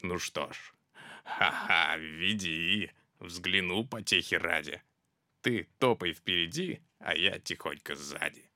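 A storyteller putting on a huge, hungry, gruff forest monster in a slow, booming storybook voice. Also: bright, forceful tone, no room sound, clean studio sound, exaggerated voice. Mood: amused. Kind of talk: storybook reading.

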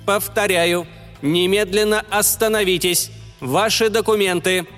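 A man voicing a booming, metallic old robot guard in a rigid monotone for an audiobook. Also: a little slow. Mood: threatening. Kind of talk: audiobook reading. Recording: long reverb with faint music.

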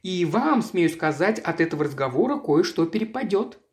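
Pushy wealthy buyer, blunt and brusque, as the narrator puts him on. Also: male voice, high voice, sing-song, normal speed. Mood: businesslike. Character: brash rich businessman, pushy buyer. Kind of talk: audiobook character voice.

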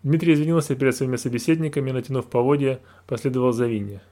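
A man narrating a novel aloud in a calm, measured reading voice. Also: mid-range voice. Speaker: audiobook narrator. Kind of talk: scripted narration.

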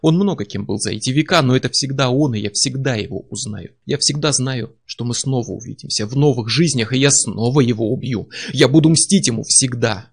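Одержимый местью пациент, говорящий холодно и ровно, в исполнении мужчины-чтеца. Скрипучий тембр, в тоне спокойная угроза. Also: male voice, medium pitch, fairly quick, creaky, few pauses, slightly rough. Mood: cold. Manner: cold, quietly obsessive. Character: calm man possessed by vengeful past-life memory.

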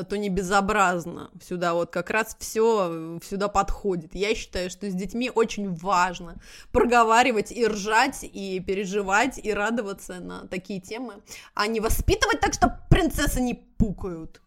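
A woman's voice: medium pitch, moderate pace. A woman co-hosting a casual podcast who speaks frankly and laughs easily. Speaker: podcast co-host. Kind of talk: casual chat.

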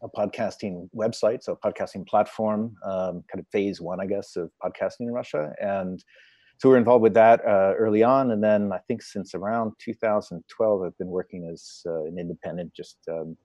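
A man who works as a radio producer and journalist, talking on a panel over a video call and often pausing to search for his words. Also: low-pitched, dry recording. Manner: relaxed, searching for words with frequent ums. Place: Moscow.

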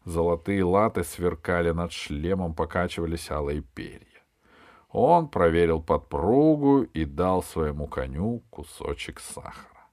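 A man narrating a children's adventure audiobook in a lively storytelling read. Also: low voice, unhurried, no room sound, studio quality. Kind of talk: scripted narration.

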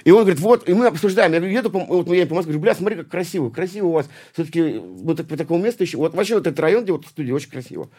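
Barely pausing, the guest—a punk poet and musician from St Petersburg, Russia, in his late forties—rambles very fast in casual interview talk. His mellow, animated voice sits on the high side, and he swears heavily, restarting and repeating words often.

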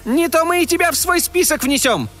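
A man voicing a small, bloodthirsty male fairy with a hoarse, wheezing snarl. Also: very high voice, normal speed, bright, forceful tone, soft background music, voice pushed up. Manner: snarling threats.

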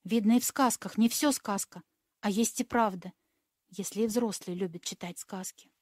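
A woman reading an audiobook, voicing a polite, meek seven-year-old boy prince in a gentle, earnest voice. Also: medium pitch, moderate pace, dry recording, clean studio sound, close to an everyday voice. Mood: thinking.

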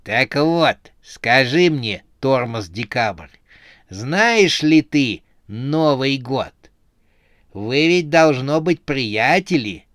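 A man voicing a menacing girl dressed as the Snow Maiden, speaking slowly and mockingly in a humorous horror audiobook. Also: mid-range voice, expressive, fairly bright tone, no echo, clean studio sound. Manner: mocking, slow and drawn out.

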